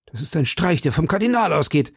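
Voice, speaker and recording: A man's voice: fairly high pitch, very animated, a little fast, gravelly, slightly rough, no echo, studio quality, voice pushed up, heavily acted. A man reading an audiobook, voicing a proud, agitated English duke who gives orders imperiously. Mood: commanding. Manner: commanding, imperious.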